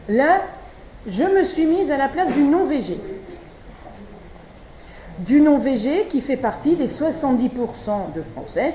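In an echoey room with a faint hum of background noise, a woman from Brittany talks casually at a vegan event, often using fillers and starting over. Her voice sits on the high side and sounds mellow.

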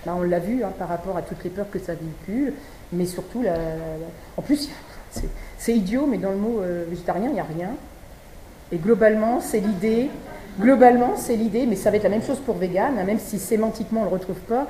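This speaker from Brittany, France, talks fast in a mellow, medium-pitched voice during a conversational vegan conference talk. She uses frequent fillers and restarts, and the echoey room carries faint background noise.

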